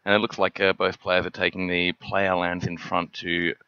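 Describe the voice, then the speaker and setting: Male co-caster, low and fairly flat, gravelly, bright, lo-fi stream audio. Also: moderate pace. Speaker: co-commentator. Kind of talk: casual card game commentary.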